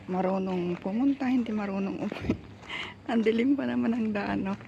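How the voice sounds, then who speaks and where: A woman films a casual vlog on a handheld phone, chatting as she walks and pointing things out to her viewers. She laughs often in a relaxed, talkative way. Loud outdoor noise and chirping crickets sit under her voice. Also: medium pitch, normal speed, gravelly, highs cut off. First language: Tagalog. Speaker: vlogger.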